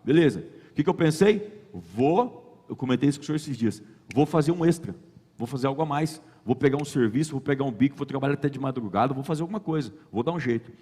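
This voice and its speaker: A man's voice: mid-range voice, fast, breathy edge. A man telling a personal faith testimony as a guest, acting out the dialogue in his story. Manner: lively storyteller who acts out quoted dialogue. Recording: long reverb.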